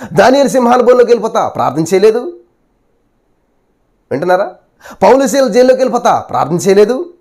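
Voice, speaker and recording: A male preacher delivering a sermon, asking the listeners rhetorical questions, repeating "hallelujah", and swinging between loud and hushed delivery. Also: high-pitched.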